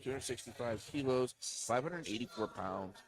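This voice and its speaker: Casual male powerlifting commentator, easygoing banter, faint music behind. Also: medium pitch. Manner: relaxed, chatty, quick agreeing interjections. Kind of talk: live sports commentary.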